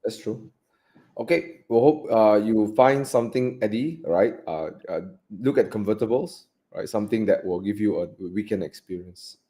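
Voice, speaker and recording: A man with a Malaysian English accent co-hosting a live car Q&A in relaxed, chatty talk that trails off softly. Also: on the low side, moderate pace. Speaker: co-host of a car buying Q&A. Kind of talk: live stream casual chat.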